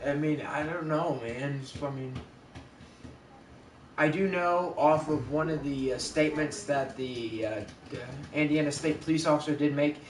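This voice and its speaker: A man's voice: a little high, steady tone, moderate pace, crowd noise. A man hosting a casual livestream chat. He rambles with many fillers and restarts, and his voice comes through with heavy echo from a camera mic set away from him. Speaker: livestream host. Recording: echoey, distant camera mic, faint background noise.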